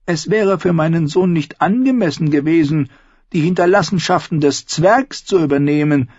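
A man voicing a shrill, imperious middle-aged noblewoman who scolds in a high, vehement voice. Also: normal speed, darkish tone, slightly rough, dry recording, muffled recording. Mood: scheming.

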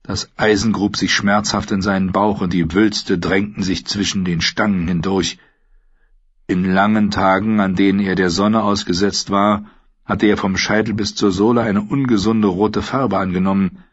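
A man narrating an audiobook in a steady, measured reading. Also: low-pitched, slightly rough, dry recording. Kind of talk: scripted narration. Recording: dull lo-fi sound.

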